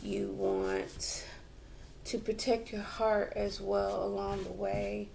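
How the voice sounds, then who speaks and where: A woman giving a tarot reading to viewers, slow and reflective, with many fillers and restarts. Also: mid-range voice, expressive, creaky, dark tone, slight background noise. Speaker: tarot reader.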